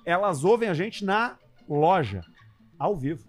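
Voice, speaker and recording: A man from Rio do Sul, co-hosting a comedy podcast, rushing through listener messages with crude jokes. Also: high-pitched, lively intonation, faint music behind. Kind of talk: casual comedic chat.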